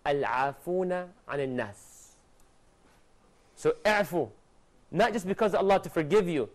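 A high-pitched young man leads a televised religious lesson for guests in a studio, wearing a lapel mic. He recites Arabic verses rapidly, gesturing in an animated way.

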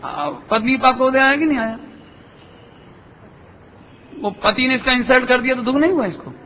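A male religious teacher tells parables in a high, bright voice, breaking off to ask whether the audience follows. He acts out the people in his stories. The sound is dull and lo-fi, with a long hall reverb. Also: moderate pace, a little hiss or hum. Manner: storytelling, checks understanding with rhetorical questions. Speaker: Jain scholar giving a discourse. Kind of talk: sermon with parables. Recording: dull, echoey lecture hall.

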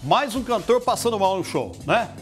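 A man's voice: sits high, sing-song, faint music behind. A middle-aged man from Minas Gerais hosting a TV show, teasing and bantering with his co-host in a studio. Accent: Brazilian Portuguese, Minas Gerais. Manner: jokey, teasing, quick asides.

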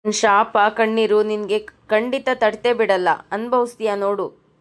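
A furious young man spitting harsh accusations and insults, as a woman reader voices him in a serial recap. The delivery is clear and smooth, with the anger carried in the words more than in a changed voice. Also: medium pitch, level tone, normal speed, lightly acted.

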